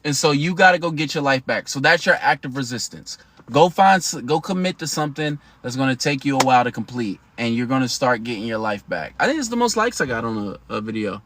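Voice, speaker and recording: A man's voice: mid-range voice, lively intonation, quick pace, a bit bright, a little hiss or hum. A man in his thirties hosting a casual livestream, talking to viewers in a slangy, emphatic, chatty way. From United States. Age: 30s. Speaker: livestream host.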